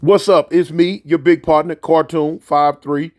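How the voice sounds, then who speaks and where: Interviewer, male, high voice; casual, emphatic, leans on repeated phrases. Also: steady tone, a little slow, a little mellow. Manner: emphatic, repeats answers back for stress. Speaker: interviewer, host.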